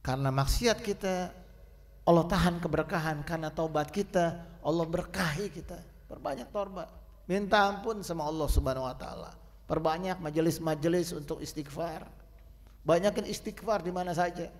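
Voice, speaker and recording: Male Friday preacher, fairly high voice, rhythmic rhyming delivery with loud-soft swings, recorded in a reverberant mosque. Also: normal speed. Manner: rhythmic rhyming oratory with sharp swings in loudness. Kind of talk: sermon. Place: mosque hall. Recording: echoey mosque hall sound.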